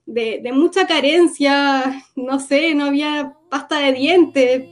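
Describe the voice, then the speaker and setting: In an interview, a young woman from Gaza, Palestine, speaks in a high voice, giving earnest, reflective personal testimony and often pausing to recall.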